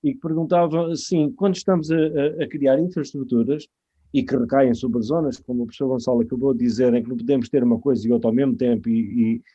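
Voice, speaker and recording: Man, halting moderator, deep mellow tone, muffled audio. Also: fairly even intonation, slightly rough. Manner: hesitant, halting, with many fillers. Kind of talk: webinar panel discussion. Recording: muffled video-call audio.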